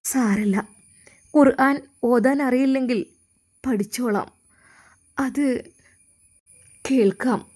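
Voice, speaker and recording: A woman voicing a soft, coaxing devout young woman. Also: high voice, slow pace, long pauses.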